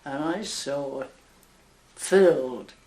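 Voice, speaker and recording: A bass-toned Northern Irish nun, older than a hundred, gives an oral history interview about her life. She speaks slowly, stopping and starting with soft laughter, and the room echoes around her.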